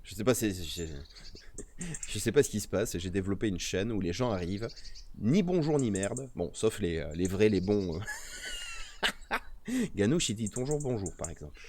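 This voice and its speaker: A man's voice: on the low side, sing-song, moderate pace, long pauses, a little mellow, a little hiss or hum. A tired-sounding man hosting a nature press review on a live stream, reading articles aloud and breaking off for playful, teasing remarks to his chat. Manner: playful, teasing, mock-indignant.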